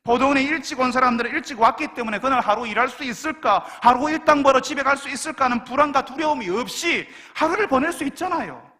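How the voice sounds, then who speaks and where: A man's voice: very high-pitched, fast talker, hardly any pauses, bright, forceful tone, long reverb tail. A man preaching a sermon as a pastor. He asks rhetorical questions and acts out complaining voices.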